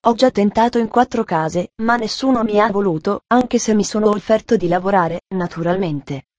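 Lady doing a gruff little orphan boy, ten, mumbly and curt, dry close sound. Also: mid-range voice, normal speed, darkish tone, no echo, close to an everyday voice. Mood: sullen.

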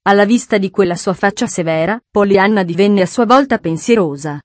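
Woman narrating a story calmly. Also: mid-range voice, fairly quick, dry recording. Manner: calm, even storytelling. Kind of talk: audiobook narration.

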